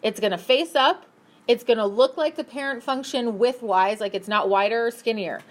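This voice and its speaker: A woman teaching a math class, brisk and upbeat, asking her students questions as she works through problems. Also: on the high side. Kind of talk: classroom lesson.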